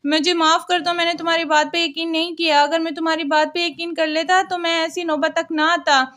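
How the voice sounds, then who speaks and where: A woman's voice: very high-pitched, level tone, brisk, fairly bright tone. A woman voicing a frightened young husband in a cartoon horror story. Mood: pleading.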